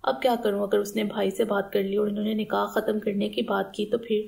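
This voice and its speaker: Woman reading a young wife, loyal, scared, fry in the voice. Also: medium pitch, little pitch movement, a little mellow. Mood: distressed.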